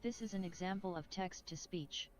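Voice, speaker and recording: A synthetic female text-to-speech voice reading a sample sentence in a flat, mechanical way. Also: on the low side, moderate pace. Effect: synthetic text-to-speech robot voice. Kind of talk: sample sentence read by a computer voice.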